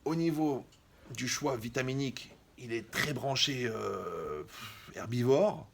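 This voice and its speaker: A man's voice: medium pitch, lively intonation, takes it slowly, creaky. A man performing a stand-up comedy monologue, acting out dialogues with mocking asides.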